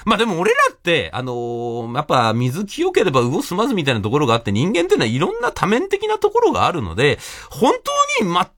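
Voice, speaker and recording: A man telling a comic anecdote in an animated way, laughing as he goes and acting out what people said. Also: on the high side, fast, few pauses. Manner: animated, laughs while telling, acts out quoted voices. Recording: noisy recording.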